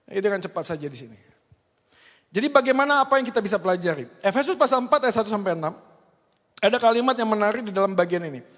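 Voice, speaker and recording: Indonesian male preacher, high-pitched, casual and lively delivery, long church-hall reverb. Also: racing. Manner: lively, conversational, mixes in English words. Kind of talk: sermon.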